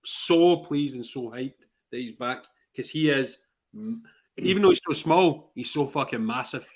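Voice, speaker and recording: A man's voice: medium pitch, expressive, unhurried. A man with a Glasgow accent giving blunt, sweary, emphatic opinions in a casual podcast chat.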